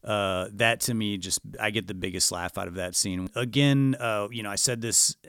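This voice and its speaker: A man talks earnestly about a film, rambling a little with "you know" and "like." His voice sits on the low side and sounds smooth and resonant. The recording is dry and close. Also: moderate pace, fairly bright tone, no room sound. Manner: earnest, thoughtful, rambling with fillers. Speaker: podcast co-host. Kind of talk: casual film discussion.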